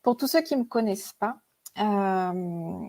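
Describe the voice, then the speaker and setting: A woman in her forties, a spiritual author and teacher, tells her story as a guest in a casual interview. Her mellow, mid-range voice is animated but slow, and she's chatty and hesitant, using many fillers and laughing often.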